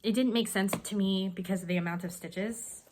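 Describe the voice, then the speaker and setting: A woman with a sniffly, stuffed-up voice chats casually as a co-host. She talks in an ordinary middle pitch. She rambles and often restarts her sentences. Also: steady tone, normal speed, a little mellow, a little hiss or hum. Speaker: co-host showing cross-stitch projects. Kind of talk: casual chat.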